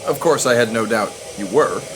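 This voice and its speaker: A man's voice: medium pitch, normal speed, close to an everyday voice. A man playing a dryly witty rabbi and army chaplain, courteous and formal, in an audio drama. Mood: calm, wry. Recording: clear hissing noise behind.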